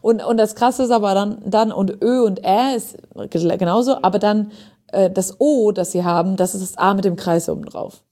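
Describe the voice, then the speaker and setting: Lively, laughing woman with a mellow voice. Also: mid-range voice. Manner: lively, laughs often, quick self-corrections. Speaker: podcast guest. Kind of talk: casual conversation. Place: recorded in Stockholm.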